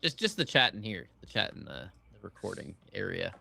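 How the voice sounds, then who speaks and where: A man's voice: sits low, very animated, fairly quick, creaky, pushed and bright, slightly rough. A man co-hosting a casual podcast chat, talking hesitantly and laughing easily. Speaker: podcast co-host.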